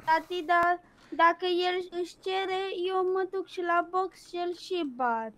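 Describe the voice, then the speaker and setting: A woman's voice: extremely high pitch, bright, forceful tone. A woman voicing a cocky young boy in a game role-play, boasting and trash talking. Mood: cheeky. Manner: boastful, childish trash talk.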